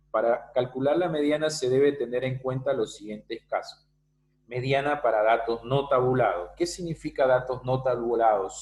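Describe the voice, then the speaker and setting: A man's voice: mid-range voice, rough recording. A male teacher giving an online math lesson, explaining step by step and often checking that students follow. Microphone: video call.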